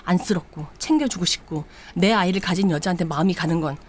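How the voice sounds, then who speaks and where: A woman voicing a cheating husband who calmly justifies himself, close to her own voice. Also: fairly low pitch, fast talker, lightly acted. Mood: defensive. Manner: defensive, matter-of-fact.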